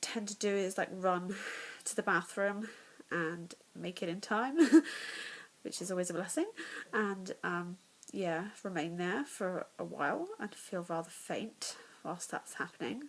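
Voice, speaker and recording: A young woman from England vlogs casually about her pregnancy at home in the evening, sounding congested and nasal, chatty and candid, and often dropping to a whisper. Her lowish voice is expressive and measured in pace, and the recording is rough.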